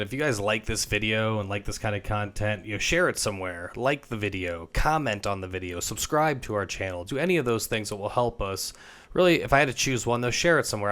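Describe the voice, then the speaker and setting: A man's voice: fairly low pitch, pushed and bright. Joking young man narrating sports clips. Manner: jokey, puts on players' voices in quick asides. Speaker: football video host. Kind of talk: comic play-by-play voice-over.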